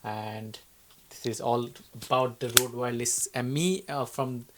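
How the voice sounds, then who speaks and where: Gear reviewer, male, mid-pitched, heard through uneven auto gain that keeps pushing his level up and down. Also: steady tone, measured pace, a little hiss or hum. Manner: explaining step by step with frequent restarts. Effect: uneven auto gain, loudness jumping up and down. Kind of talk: casual product demo. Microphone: wireless lapel mic and handheld recorder.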